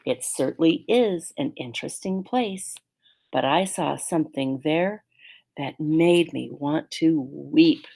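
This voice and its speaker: Storybook old alley cat, female, woman reader: low-voiced, gravelly edge, well-mannered, worldly storyteller. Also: slow, warm tone, exaggerated voice. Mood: reminiscing. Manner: courteous, storytelling.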